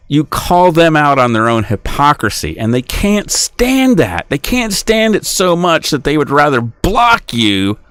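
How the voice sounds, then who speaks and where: Lively-voiced man ranting on a podcast. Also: a little high, smooth, dry recording. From United States. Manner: rambling, indignant, acts out imagined dialogues in raised voice. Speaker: podcast host. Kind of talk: casual monologue.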